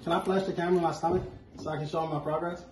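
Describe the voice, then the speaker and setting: High, lively man off-mic. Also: very fast, recorded from a distance. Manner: playful, reads out live chat. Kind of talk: casual taste-test chat. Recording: echoey, off-mic with faint noise.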